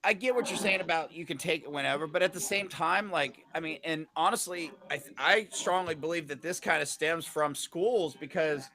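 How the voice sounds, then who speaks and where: A man's voice: on the high side, normal speed, hardly any pauses. A man co-hosting a casual talk radio show, swearing freely and acting out mocking impressions of other people. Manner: profane, animated, mocking impressions. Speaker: podcast co-host, former teacher.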